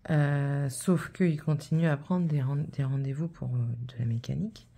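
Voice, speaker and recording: Woman in her 30s rambling through a story while she sews, dark mellow voice. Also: sits low, fairly even intonation, normal speed, creaky, slightly rough. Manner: rambling, storytelling with many fillers. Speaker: vlogger. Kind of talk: casual chat while cross-stitching.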